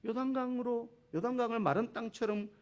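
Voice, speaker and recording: Very high-pitched and a little fast, this pastor's voice delivers a sermon in a church. He keeps things conversational, asking the congregation questions and acting out quotations.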